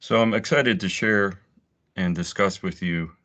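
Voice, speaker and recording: A man's voice: low-pitched, unhurried, fairly bright tone. A man speaking as a technical presenter, opening a formal webinar presentation. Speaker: technical presenter, research group leader. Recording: dull, lo-fi online meeting audio.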